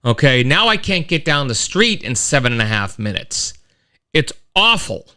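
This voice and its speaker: A man's voice: medium pitch, moderate pace. A middle-aged man, hosting a casual live-stream monologue, rambling with restarts. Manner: animated storyteller, rambling with restarts and sound effects. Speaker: host of a weekly live-stream show.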